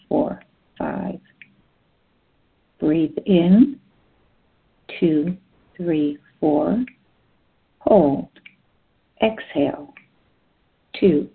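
A woman with a slightly low voice guides relaxation as a hypnotherapist. She speaks very slowly and soothingly, leaving long pauses between short phrases. The sound is narrow and thin, like a phone call. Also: vocal fry. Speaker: clinical hypnotherapist.

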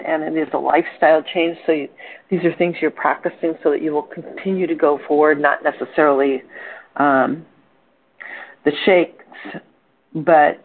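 A woman's voice: low voice, creaky. An older woman hosting a wellness support call, talking in a cheerful, chatty way with fillers and self-corrections. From Portland, Oregon. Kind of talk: informal coaching talk on a conference call. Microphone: telephone. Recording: phone-line conference call.

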